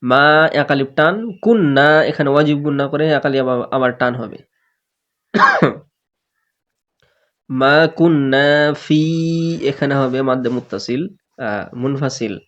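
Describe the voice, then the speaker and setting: A man teaching Quran recitation rules step by step, slowly drawing out sample words and often clearing his throat. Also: medium pitch, fairly bright tone. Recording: dull lo-fi recording.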